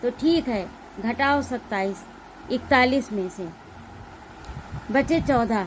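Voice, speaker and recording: A woman's voice: a little high, takes it slowly, a little hiss or hum, poor audio. A woman reading aloud as a stingy, scolding male employer in a one-act play. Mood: stern. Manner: stern, accusing, shouting in anger.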